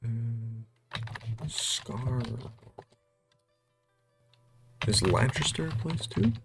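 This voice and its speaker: A North American man thinks aloud through a geography quiz, hesitantly muttering questions to himself in a casual way. He speaks at medium pitch and draws out his words. Music and the sound of computer keyboard typing are in the background.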